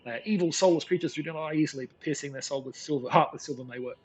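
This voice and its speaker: A man's voice: fairly high pitch, racing, dull audio, slight background noise, lightly acted. A man reading out the lines of a stern old hermit wizard in a gamebook, in a grave, instructive tone.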